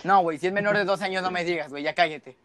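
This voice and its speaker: A man's voice: sits high, fairly bright tone, dry recording. A young man with a Mexican Spanish accent cracking teasing, slangy jokes as a podcast co-host. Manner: teasing, quick jabs, slangy. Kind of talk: casual chat. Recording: audible background noise.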